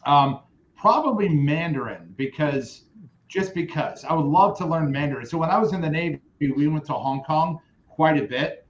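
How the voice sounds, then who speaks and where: A man's voice: a little high, animated, normal speed. A man chatting as a podcast guest over a remote call, rambling and interrupting himself as he tells stories. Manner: rambling, self-interrupting storyteller. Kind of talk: casual chat. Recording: echoey, muffled remote call audio.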